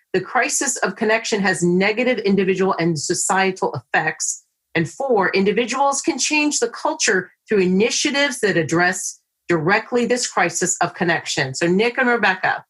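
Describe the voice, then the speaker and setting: A woman's voice: medium pitch, a bit bright, slightly rough. Encouraging woman hosting a video interview. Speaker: host.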